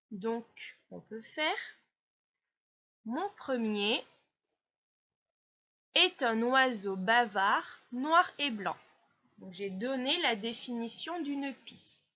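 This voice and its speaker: Woman teacher, from France, slow patient explanations, bright voice, slightly dull recording. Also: sits high. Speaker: primary school teacher. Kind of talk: classroom explanation.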